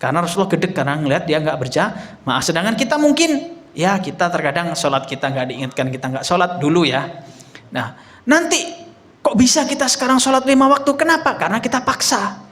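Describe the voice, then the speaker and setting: Speaking a little fast in a high voice, a young preacher delivers a casual sermon full of animated stories, performing the quoted voices himself. He calls his audience Pak.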